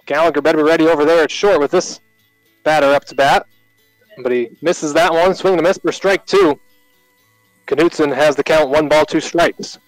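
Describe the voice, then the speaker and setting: A man with an American accent calling live baseball play-by-play on the radio in short, measured announcer phrases. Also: fairly high pitch, no room sound, faint music behind, rough recording.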